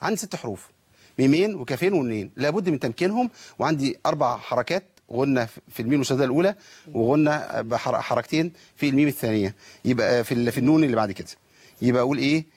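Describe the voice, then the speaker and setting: Egyptian male recitation teacher, brisk, quizzes himself and models sounds, dry recording. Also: mid-range voice, darkish tone, breathy edge, no room sound. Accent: Egyptian Arabic. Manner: asks and answers his own questions, models pronunciations. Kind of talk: tajweed lesson with recited examples.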